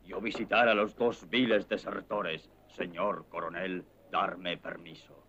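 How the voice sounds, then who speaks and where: An actor playing a solemn chief's son in a dubbed western farce, speaking broken film-stereotype speech in infinitives. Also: male voice, low-pitched, level tone, a little slow, a bit bright, a little hiss or hum. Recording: dull lo-fi film audio.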